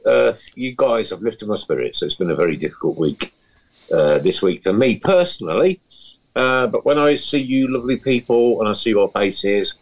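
Jokey, husky podcast co-host. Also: male voice, on the low side, animated, normal speed, low-quality recording. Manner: jokey, mock-sincere, laughs often. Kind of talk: casual chat, signing off.

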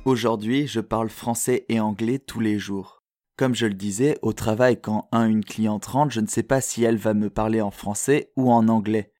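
A man from France with a French accent, hosting a podcast in a calm, reflective, measured way, as scripted narration. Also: fairly low pitch, dry recording, studio quality. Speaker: podcast host.

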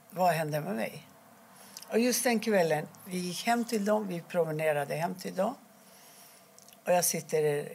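Gravelly husky-voiced woman telling her story. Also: lowish voice, darkish tone. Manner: halting, with restarts and quoted dialogue. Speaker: interviewee. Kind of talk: personal account in an interview.

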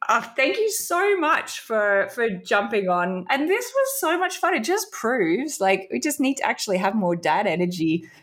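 A woman's voice: a little high, sing-song, moderate pace, hardly any pauses. A woman hosting a podcast, trading dad jokes in playful, giggly casual chat. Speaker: podcast host.

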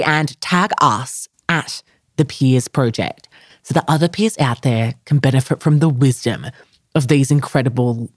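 Young woman podcast host, low voice, upbeat and chatty, dry close sound. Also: dry recording. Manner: upbeat, effusive, many fillers. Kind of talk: casual interview chat.

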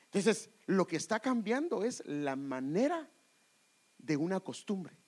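A man's voice: high-pitched, very animated, measured pace, darkish tone, husky. A man preaching a sermon, acting out voices and calling listeners brother. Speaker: pastor.

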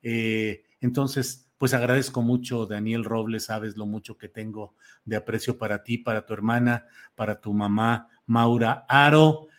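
A man with a Mexican accent hosting a live talk show unscripted, halting and repeating words as he searches for phrasing. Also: mid-range voice, fairly even intonation. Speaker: host of a news talk show.

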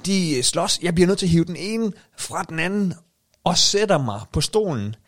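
A man co-hosting a podcast, chatting casually and telling a comic story with rising excitement. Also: high-pitched. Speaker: podcast co-host.

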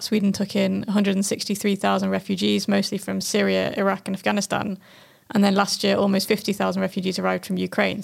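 Very creaky, even-toned female interviewer. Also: mid-range voice. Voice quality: creaky, gravelly fry. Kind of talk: prepared interview questioning.

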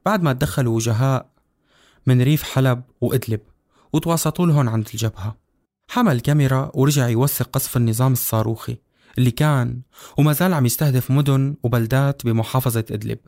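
A man's voice: mid-range voice, fast, darkish tone. A man with a Levantine Arabic accent reading scripted documentary narration as the narrator.

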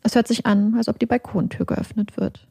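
A woman reading scripted true-crime narration in a measured, somber manner, close to a studio microphone. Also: on the high side, fairly even intonation, vocal fry, mellow, slightly rough, no room sound. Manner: measured, somber, reads out quoted dialogue. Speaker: podcast narrator.

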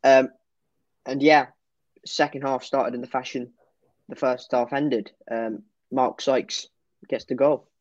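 A man co-hosts a football podcast and talks through a match review in relaxed chat. He hesitates a lot and restarts his sentences. The sound is dull and very dry, as if captured close in a small, deadened room. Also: mid-range voice, takes it slowly, long pauses, no echo. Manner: hesitant, lots of fillers and restarts.

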